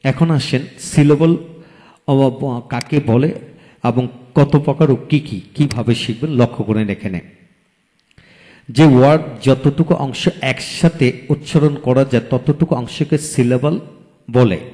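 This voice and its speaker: Male lecturer, mellow tone, drills vocabulary word by word in a reverberant room. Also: medium pitch. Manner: slow drilling, repeats each word twice. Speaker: English teacher. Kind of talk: video lecture.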